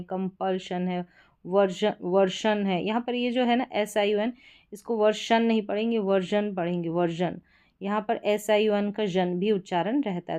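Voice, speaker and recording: A woman's voice: medium pitch, darkish tone, clear, resonant tone. A woman teaching English spelling in Hindi, patiently repeating each example word aloud. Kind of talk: spelling lesson explanation.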